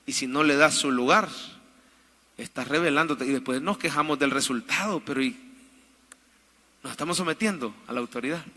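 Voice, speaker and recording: A man's voice: mid-range voice, moderate pace, long pauses, bright, forceful tone, in a large hall. A man preaching an emphatic sermon and calling out to the congregation for amens. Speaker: pastor. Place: church.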